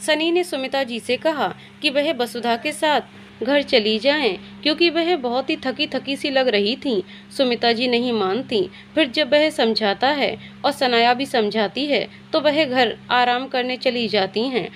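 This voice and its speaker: A woman narrating a scripted story in a steady, plain storytelling manner. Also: high-pitched, slight background noise.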